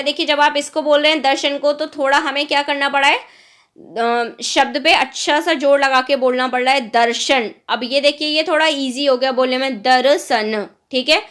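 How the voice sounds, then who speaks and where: A woman with a high voice teaches an exam-prep grammar class. She runs through word pairs by asking a question and answering it right away, and keeps checking in with her students. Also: a bit bright. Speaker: Hindi teacher.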